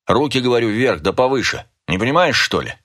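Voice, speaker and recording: A man voicing a suspicious, cocky young male partisan who talks in a gruff, threatening way and swears. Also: medium pitch, very animated, a little fast, fairly bright tone. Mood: menacing.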